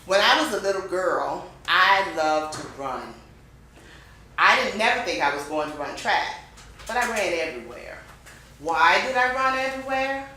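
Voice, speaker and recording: A woman teaching a speech club class, speaking expressively with lots of emphasis and rising and falling tone. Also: a little hiss or hum. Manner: expressive, varies pitch and emphasis. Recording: very echoey room.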